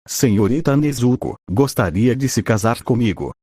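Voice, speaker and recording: Male reader as an earnest young suitor in a storybook, gentle, mid-pitched. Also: animated, moderate pace, slightly rough, no echo, studio quality. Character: young man, devoted boyfriend.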